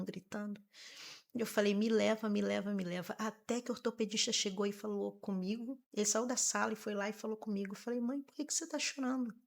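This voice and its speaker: A woman with a gravelly, creaky voice tells a painful personal story. She speaks earnestly and haltingly, circling back to repeat her own words. Her pitch sits in the middle range for a woman. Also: darkish tone. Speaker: podcast guest, massage therapist and mother. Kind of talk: emotional personal testimony.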